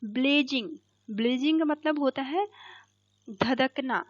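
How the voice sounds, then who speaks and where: In a dull, dry lo-fi recording with no room sound, a high-pitched woman teacher reads an English poem's lines slowly and explains each one in Hindi, checking in with "theek hai" as she goes.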